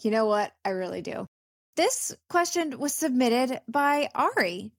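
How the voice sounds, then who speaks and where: A woman's voice: a little high, sing-song, unhurried, no echo. Chatty woman podcast co-host, dry sound. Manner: chatty, hesitant, thinks aloud. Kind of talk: casual comedic chat.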